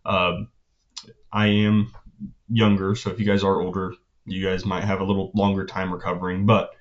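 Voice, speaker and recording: A teenage guy with a fairly low voice talks casually, as if recapping his day for a vlog. His delivery is hesitant and halting, with phrase ends that trail off. The sound is a bit dull and lo-fi. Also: flat delivery. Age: teenager, about 16. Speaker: vlogger.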